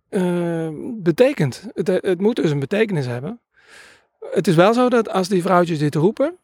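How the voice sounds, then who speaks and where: A man's voice: a little high, a little mellow, no echo. A man who records nature sounds, telling stories in a casual interview and rambling hesitantly with many filler sounds.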